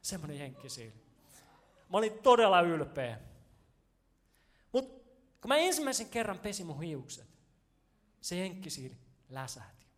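Man, pastor, high voice, lively and joking, gets loud when excited, casual sermon from a church stage. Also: pauses often. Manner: animated, voice rises and turns loud when excited; casual, joking, talks straight to the congregation. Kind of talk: sermon with personal storytelling. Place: church stage before a congregation.

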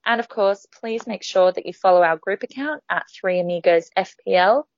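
A woman's voice: mid-range voice, moderate pace, no echo. A woman hosting a casual podcast, talking in a chatty way with frequent ums and restarts. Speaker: podcast host. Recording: dull, lo-fi dry sound.

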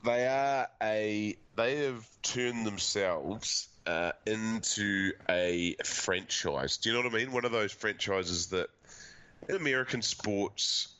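Male sports co-host, New Zealand accent, forceful bright tone on the low side, loose banter, slightly dull recording. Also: takes it slowly, smooth. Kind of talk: casual rugby league banter.

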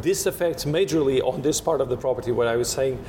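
Guy w/ talking winemaking in an interview, keeps restarting his sentences, hissy rumbly recording. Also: fast talker. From Portugal. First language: Portuguese. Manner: searching for words with frequent restarts. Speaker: winemaker guest. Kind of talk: descriptive interview answers. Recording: steady noise and low rumble.

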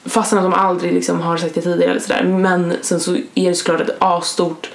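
Earnest lower-voiced young woman. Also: level tone, gravelly. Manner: emphatic, earnest, swears for emphasis. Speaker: podcast host. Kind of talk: casual chat. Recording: echoey room with faint noise.

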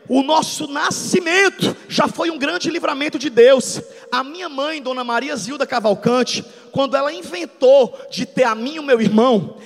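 A man in his thirties, a pastor, preaching a dramatic testimony sermon that swings from soft storytelling to shouts. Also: very high voice, in a large hall. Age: 30s. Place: church hall.

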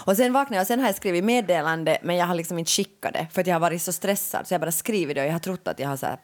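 A woman in casual chat with a friend, animated and laughing often, acting out what people said. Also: on the low side.

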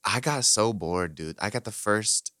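A man's voice: fairly low pitch, unhurried, pushed and bright, no echo, clean studio sound. A man of twenty-eight in casual chat, laid-back and slangy, full of "like" and "bro".

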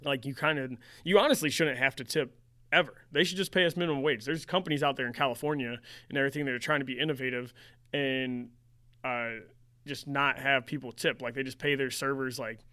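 A man's voice: mid-range voice, fairly even intonation, a little fast, sharp tone, dry recording, clean studio sound. A young man hosting a podcast, telling a casual story with a rambling manner and many fillers. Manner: rambling, heavy use of "like". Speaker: podcast host.

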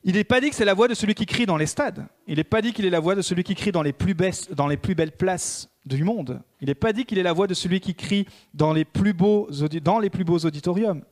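A man preaching a sermon as a pastor, swinging between emphatic raised peaks and hushed prayerful passages. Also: sits high, brisk, hardly any pauses.

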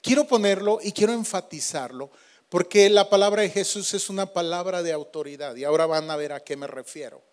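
High-voiced man preaching a sermon. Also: fairly quick. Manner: emphatic preaching with swings from loud to hushed. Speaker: pastor.

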